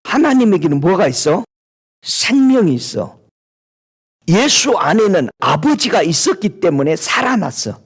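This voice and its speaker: A man of middle age preaching a sermon in a high, lively voice. He keeps asking his listeners questions and talks in an easy, spoken manner. His pitch climbs and falls a great deal as he goes. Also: measured pace, husky. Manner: preaches with rhetorical questions and a colloquial tone. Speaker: pastor.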